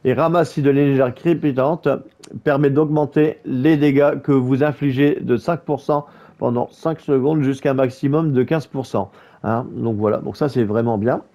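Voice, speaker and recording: Halting French gamer with a dull, lo-fi mic. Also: male voice, medium pitch, fairly even intonation, dark tone. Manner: halting, many fillers and restarts. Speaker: gaming YouTuber. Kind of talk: casual gameplay guide voice-over.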